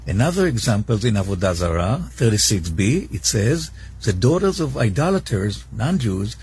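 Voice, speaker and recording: Very husky man from Israel. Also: on the low side, very animated, a little mellow, no echo. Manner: measured, reading out passages. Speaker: speaker in a played video clip. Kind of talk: prepared monologue.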